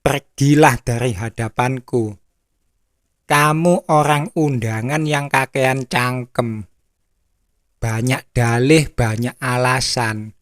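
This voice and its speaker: A man's voice: medium pitch, slow pace, dry recording, clean studio sound, pitched below the performer's own voice, lightly acted. A man voicing Jesus as a stern male teacher who questions and rebukes a wayward disciple in a sermon. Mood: rebuking.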